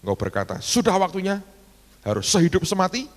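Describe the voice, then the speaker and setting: A man's voice: high-pitched, fairly quick, long reverb tail. A middle-aged male pastor, telling a story in a sermon and calling the congregation "saudara". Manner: animated, addresses congregation as "saudara".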